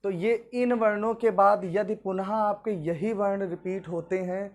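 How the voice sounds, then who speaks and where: A man's voice: high voice, fairly even intonation, a little slow. A male teacher explaining grammar rules step by step, asking questions aloud and answering them himself. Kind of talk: classroom grammar lesson.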